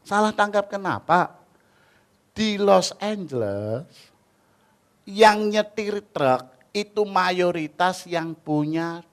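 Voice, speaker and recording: A man preaching a sermon with an Indonesian accent, telling stories animatedly, jumping from shouted peaks to soft asides. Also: a little high. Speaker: pastor. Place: church hall.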